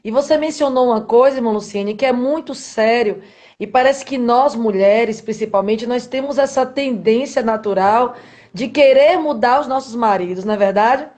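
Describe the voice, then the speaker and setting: A woman's voice: fairly high pitch, moderate pace, darkish tone. A Brazilian woman hosting a church interview, stepping in with affirming, heartfelt remarks. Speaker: host.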